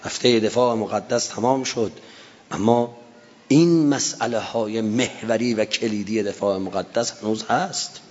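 A man preaching a religious sermon with impassioned emphasis, swelling to drawn-out chanted phrases. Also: lowish voice, darkish tone. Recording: dull lo-fi recording in a reverberant hall.

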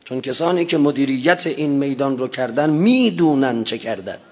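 A man preaching a religious sermon with impassioned emphasis, swelling to drawn-out chanted phrases. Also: medium pitch, lively intonation, a little mellow. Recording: dull lo-fi recording in a reverberant hall.

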